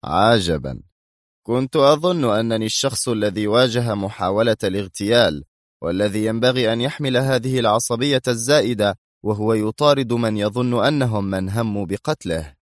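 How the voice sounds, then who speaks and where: A man's voice: on the low side, a little fast, dry recording, clean studio sound, close to an everyday voice. A man reading the part of a harsh, defiant male army colonel in a storybook reading. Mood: severe, defiant. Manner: severe, clipped.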